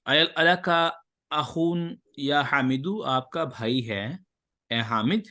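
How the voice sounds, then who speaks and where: A man's voice: mid-range voice, sharp tone. Male Arabic teacher, reads the lines, translates them, praises answers. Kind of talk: online Arabic lesson.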